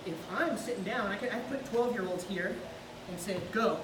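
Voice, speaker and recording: Here the instructor talks at a normal speed with a medium pitch, encouraging her partner through every step of a grappling technique. The recording comes from a camera on the far side of a large matted gym, full of echo and background noise.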